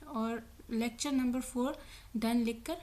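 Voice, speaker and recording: A woman with a high voice leads a tajweed recitation lesson. She drills each word slowly and carefully, saying it twice. Then she speeds up for short explanations. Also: steady tone, darkish tone. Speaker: Quran recitation teacher.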